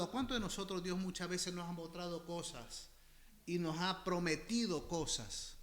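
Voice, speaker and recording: A man preaches with fervor, his voice sitting somewhat high for a man. He calls out to his congregation as brothers, repeats phrases for emphasis and swings from loud exhortation to hushed intensity. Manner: impassioned preaching, often addressing listeners as brothers. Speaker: pastor. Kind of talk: sermon.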